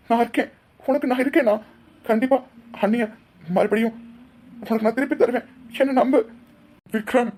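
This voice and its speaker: A woman doing a soft reassuring younger brother. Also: a little high, husky. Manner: soothing, reassuring.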